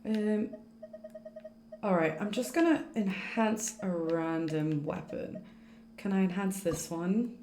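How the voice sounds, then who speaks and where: A woman streams a game while chatting casually and thinking aloud, her medium-pitched voice a little mellow, lively in intonation, and slow in pace. Game music plays behind her, and the audio has a roomy echo with slight background noise.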